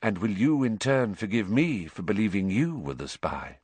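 Calm measured voice, low, grim composure, steady wizard, voiced by a man, audiobook reading. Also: husky, dry recording.

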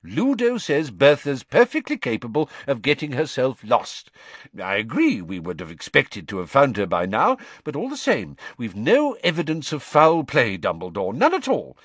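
A man's voice: medium pitch, huge pitch swings, normal speed, fairly bright tone, dry recording, pitched above the performer's own voice, exaggerated voice. A man reading an audiobook and voicing a blustering, pompous middle-aged male official who gets flustered and insistent.

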